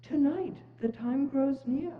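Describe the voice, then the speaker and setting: A woman's voice: high-pitched, takes it slowly. Aging ghostly spirit female actor, grave and declamatory, amateur stage drama; muffled, reverberant sound. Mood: solemn. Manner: solemn, declamatory. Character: solemn, stern aging Christmas spirit, foreboding. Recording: muffled, echoey church hall.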